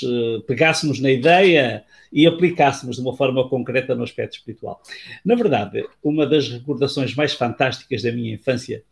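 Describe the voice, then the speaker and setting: A man with a European Portuguese accent, calmly telling a story and drawing a spiritual lesson in a teaching tone. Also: medium pitch, creaky. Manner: calm, earnest, teaching tone. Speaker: guest speaker on spiritual life. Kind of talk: reflective storytelling talk.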